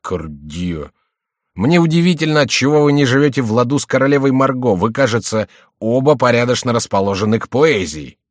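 A man voicing a gruff, grumbling soldier companion with sardonic remarks, in an audiobook reading. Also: medium pitch, lively intonation, a little fast, no echo, studio quality, voice pushed up, lightly acted. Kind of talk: audiobook character voice.

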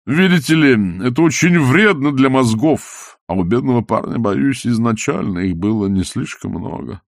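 A man's voice: medium pitch, animated, normal speed, gravelly, no echo, studio quality. A man voicing a scheming, mocking male opera villain who speaks in a sneering, theatrical, taunting way.

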